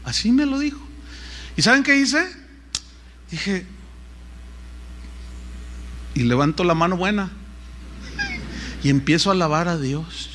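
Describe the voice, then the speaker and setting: Mexican male preacher, high voice, animated sermon storyteller who acts out every voice. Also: a little slow, long pauses, slight background noise. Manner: animated, acts out quoted voices, frequent restarts.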